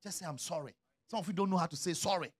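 A middle-aged man preaching a sermon as a pastor, swinging from quiet, low asides to loud shouted calls. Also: fairly even intonation, rapid-fire.

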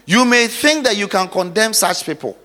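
A male pastor preaching dramatically, moving from hushed storytelling to loud exhortation. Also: sits high, animated, moderate pace. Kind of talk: sermon. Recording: long hall reverb.

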